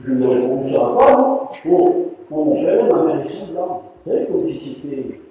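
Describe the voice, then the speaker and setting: A man's voice: on the high side, moderate pace. An older man, a rug weaver, telling stories to an audience and animatedly acting out the voices of people in them. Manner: animated, acts out quoted voices. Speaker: rug weaver giving a talk. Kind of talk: storytelling talk to an audience. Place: large hall. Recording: dull, echoey hall recording from far off.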